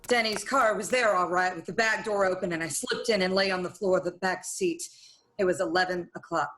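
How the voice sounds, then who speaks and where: In a 1940s radio noir, a woman voices a scheming young studio employee secretly complicit in murder, narrating confessionally in a tense, confiding mood. Her lowish, natural voice is steady, a little fast and a bit bright, though the audio is poor.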